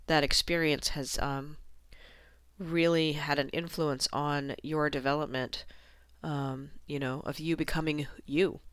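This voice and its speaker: Smooth-voiced tarot reader, close and dry. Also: medium pitch, dry recording. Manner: gentle, reassuring, with frequent ums and you-knows. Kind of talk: monthly tarot reading, spoken to viewers.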